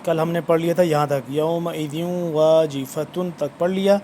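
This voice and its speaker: A man's voice: on the high side, steady tone, mellow, a little hiss or hum. A man teaching Quran reading in an online lesson, addressing viewers formally and repeating words as he explains.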